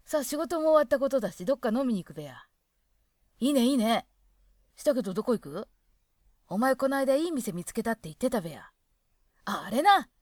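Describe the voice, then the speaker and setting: Brief: woman voicing a male Hokkaido office worker, buddy-buddy, loud and lively. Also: fairly high pitch, a little fast, long pauses, no room sound, studio quality. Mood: chummy. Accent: Hokkaido dialect. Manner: brash, chummy. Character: casual male office worker inviting friend for drinks.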